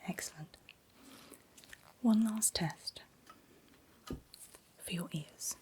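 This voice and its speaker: Playing a reassuring doctor in an ASMR medical exam, a middle-aged woman whispers breathily with close personal attention, drawing out her words. Her voice is mid-range, with slight background noise present.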